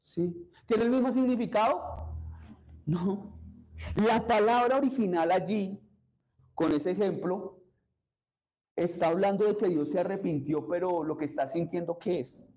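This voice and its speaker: A man preaches a sermon in a high-pitched voice. His tone is dark and mellow rather than bright. He keeps asking the congregation questions as he teaches. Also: measured pace, rough recording. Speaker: pastor.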